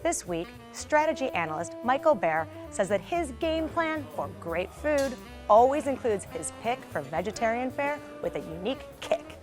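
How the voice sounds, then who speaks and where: A woman host introducing a restaurant review show with a high, animated voice. Her pitch swings widely as she presents, and a clear music bed runs underneath. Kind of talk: scripted TV introduction and moderating.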